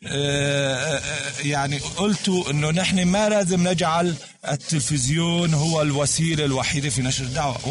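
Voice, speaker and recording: A man's voice: on the high side, a little hiss or hum. A man questioning a scholar in a recorded religious discussion, laying out his points hesitantly with many fillers and losing his place.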